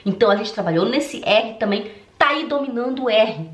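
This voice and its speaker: Animated woman teacher, roomy echo. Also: on the high side, fairly quick. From Brazil (Belém do Pará). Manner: animated, emphatic, addresses viewer directly, laughs easily. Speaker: German teacher and online course creator. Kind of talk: motivational talk to camera. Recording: roomy echoey room.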